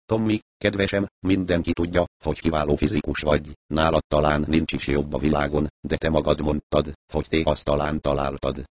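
A man reading a gentle young woman's lines in a soft, soothing way. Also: rumbling low, flat delivery, hardly any pauses, no room sound.

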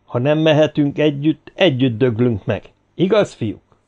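A man's voice: a little high, expressive, darkish tone. A man voicing a grim, weary male expedition leader who speaks firmly. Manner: firm, weary. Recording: dull lo-fi recording.

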